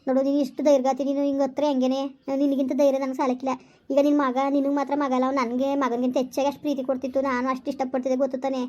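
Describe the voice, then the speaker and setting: A woman playing a caring young female friend who gently consoles her in a village family skit. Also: high voice, monotone, very fast, close to an everyday voice. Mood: consoling. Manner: soothing, repetitive coaxing. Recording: dull lo-fi recording.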